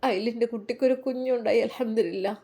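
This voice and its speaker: A woman voicing a tender older mother who soothes her daughter in a soft, coaxing way. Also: on the high side, quick pace. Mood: tender, soothing.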